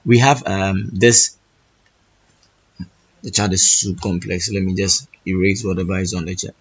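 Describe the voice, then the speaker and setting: Hoarse, husky man, lowish register, thinking-aloud tutorial delivery full of restarts, dull lo-fi recording. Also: fairly even intonation. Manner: halting, restarts phrases often. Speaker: trading educator. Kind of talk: thinking-aloud chart walkthrough.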